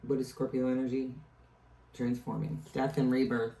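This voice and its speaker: A woman's voice: rumbling low, level tone, normal speed, mellow. A woman giving a casual tarot reading, rambling and often trailing off to restart her thought. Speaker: tarot reader. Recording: echoey room, distant mic.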